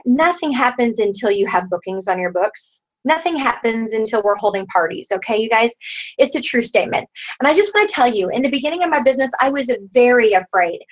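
A middle-aged woman gives an upbeat training talk to her team. Her voice sits a little high and she keeps rallying the group with "you guys". The video call audio sounds dull and lo-fi. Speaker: sales director leading a team training.

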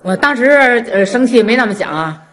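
A woman's voice: fairly high pitch, expressive, moderate pace, a bit bright. A woman, a talk show guest giving her side defensively. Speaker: guest, wife.

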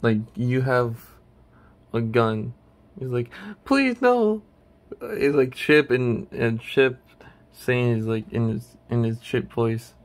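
A man's voice: medium pitch, flat delivery, takes it slowly. A man hosting his channel, chatting casually while ranking a tier list, rambling and hesitant with many restarts. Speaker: channel host.

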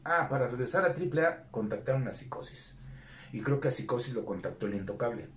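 This middle-aged man speaks with a Mexican Spanish accent in a mid-range voice, fairly quickly, with a little hiss or hum. A retired lucha libre wrestler appearing as a guest in a casual interview, he tells stories animatedly and acts out the quoted dialogue. He sounds off-mic in an echoey room.

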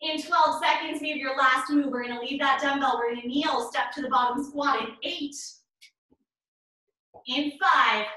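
A woman's voice: high-pitched, fairly even intonation, brisk, hardly any pauses, bright, forceful tone. A woman in her thirties coaching a workout with counts and cues, encouraging and urging while she exercises along. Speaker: fitness instructor. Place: small bare indoor room at home. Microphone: camera a few meters away. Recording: echoey bare room, distant mic.

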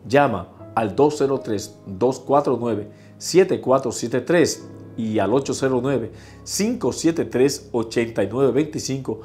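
A man's voice: medium pitch, a little mellow, echoey room. A man, a priest, leading an intercessory prayer with fervent, repeated invocations.

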